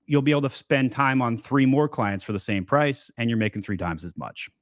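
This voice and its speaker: A man's voice: mid-range voice, brisk, dry recording, clean studio sound. A man hosting a live question-and-answer stream, giving blunt, joking advice in a casual chat. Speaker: host of a live seller Q&A.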